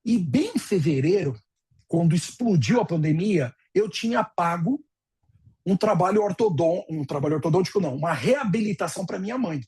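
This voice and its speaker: A man's voice: high voice, lively intonation, normal speed, darkish tone, husky. A Brazilian man in his forties giving a conversational webinar lecture as a dental practice consultant, checking in with his listeners often and telling personal stories. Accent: Brazilian Portuguese. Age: 40s. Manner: conversational, checks in with frequent tag questions, tells personal stories.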